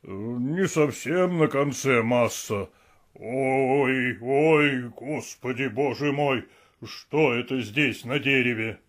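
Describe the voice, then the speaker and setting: A man doing a slow, timid old servant. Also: on the high side, expressive. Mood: fearful. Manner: slow, drawn-out, plaintive speech. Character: old male servant, timid and grumbling, high in a tree. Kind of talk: audiobook character voice.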